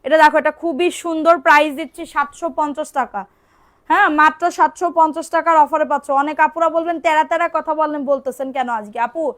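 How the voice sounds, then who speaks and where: A woman selling clothes on a live stream, repeating prices and urging viewers to order quickly, and sometimes scolding commenters. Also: high voice, fairly even intonation, a bit bright. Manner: brisk, repetitive, urging buyers to order fast. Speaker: online clothing seller. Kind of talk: live-stream sales pitch.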